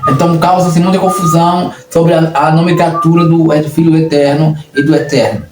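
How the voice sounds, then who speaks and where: A man's voice: on the high side, level tone, brisk. A Brazilian man preaching a sermon in an earnest, repetitive way, often restarting his phrases. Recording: echoey room, distant mic, noisy.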